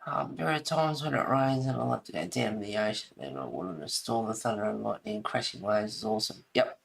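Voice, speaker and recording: A middle-aged woman hosting a colouring video chats casually with live viewers in a raspy, low-key smoker's voice, coughing now and then. She's expressive and a little fast, rambling and giggling as she reads aloud and answers comments.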